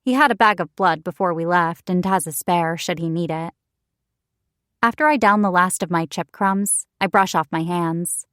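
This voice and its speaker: A woman's voice: on the low side, moderate pace, fairly bright tone, no echo, clean studio sound. Woman narrating a wry first-person romance audiobook.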